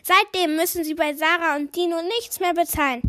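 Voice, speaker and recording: High-voiced woman reading a storybook. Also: steady tone, a little fast, bright, forceful tone. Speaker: audiobook narrator. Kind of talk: scripted storybook narration.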